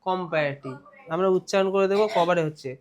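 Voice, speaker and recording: A man's voice: high-pitched, fast talker, slight background noise. A young man with a West Bengal Bengali accent, teaching a grammar lesson for an exam. He keeps asking questions and answering them himself, drawing out the key words.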